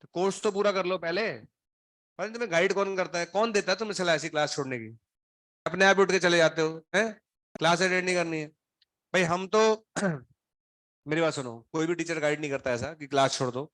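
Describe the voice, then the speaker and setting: A man's voice: on the high side, a little fast, pauses often, a bit bright, dry recording. A male coaching teacher scolding his students in class, stern and sarcastic, grilling them one by one while running a fever. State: feverish, throat unwell.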